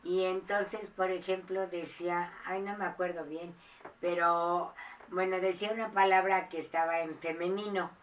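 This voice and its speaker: A woman co-hosting a casual talk show, telling a joke slowly and with humor. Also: fairly low pitch, steady tone, far from the mic, slight background noise, rough recording. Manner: slow, joking storyteller. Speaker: co-host. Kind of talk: casual chat.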